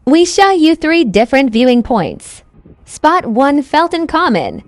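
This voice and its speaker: A woman's voice: high-pitched, wildly swooping pitch, measured pace. A woman presenting a short guide, narrating in brief punchy phrases.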